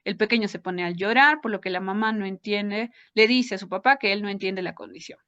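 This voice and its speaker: A woman's voice: mid-range voice, brisk, fairly bright tone. A woman lecturing, explaining step by step and checking in with her audience through short tag questions. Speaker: psychology lecturer. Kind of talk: academic lecture. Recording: dull lo-fi audio.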